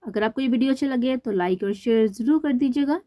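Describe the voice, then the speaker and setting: Mellow-voiced woman reading a novel aloud. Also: fairly high pitch, fast, dry recording. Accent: Pakistani Urdu. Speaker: novel reader.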